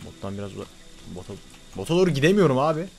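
A young man giving excited let's-play commentary, swinging between loud frantic outbursts and muttering to himself. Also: medium pitch, racing, creaky, soft background music. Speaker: gaming YouTuber.

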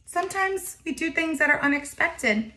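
Her voice extremely high, pushed and bright, a woman in her thirties reads a picture book expressively to young children at normal speed. Simple explanatory asides punctuate the story. The roomy home kitchen she reads in gives the audio a noticeable echo.

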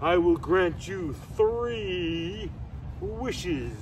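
A performer voicing a grand, hammy male genie of the lamp in a slow, theatrical way. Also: mid-range voice, expressive, a little mellow, distant mic, slight background noise, pitched below the performer's own voice, low-quality recording.

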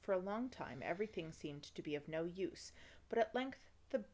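A woman streamer reading an old fairy tale aloud with expressive, dramatic delivery and joking asides. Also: on the low side, normal speed.

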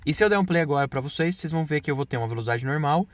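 A man's voice: fairly high pitch, lively intonation, racing, no room sound. A man explaining video editing step by step in a casual screen-recorded tutorial.

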